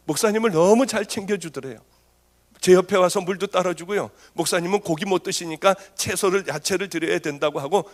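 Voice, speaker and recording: Emotional woman pastor telling a testimony. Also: fairly low pitch. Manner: emotional storytelling, voice rising when agitated. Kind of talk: sermon testimony.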